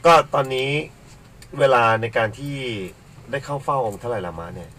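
A man's voice: mid-range voice, lively intonation, moderate pace. A male host in a casual interview, asking questions and reacting with surprise. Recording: crowd noise behind.

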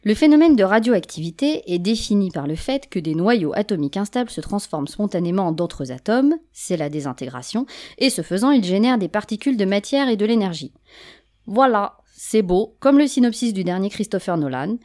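A woman's voice: mid-range voice, very animated, fairly quick, darkish tone. A woman presenting a humorous popular science talk, with playful jokey asides to the audience.

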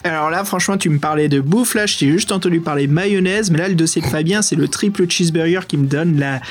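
A man with a French accent co-hosting a podcast in casual, excitable, slangy chat. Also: a little high, fast talker, faint music behind. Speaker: podcast co-host.

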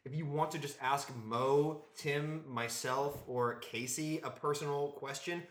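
A man's voice: fairly high pitch, steady tone, measured pace, a bit bright, echoey room. A man co-hosting a casual group podcast, talking with many restarts and fillers. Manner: hesitant, full of restarts. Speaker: podcast co-host.

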